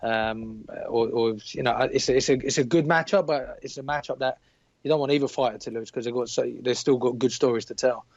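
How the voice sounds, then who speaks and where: British ref on a call, stumbles and repeats words, dull muffled line. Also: male voice, mid-range voice, a little fast, dry recording. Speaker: guest referee. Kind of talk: casual chat over a call.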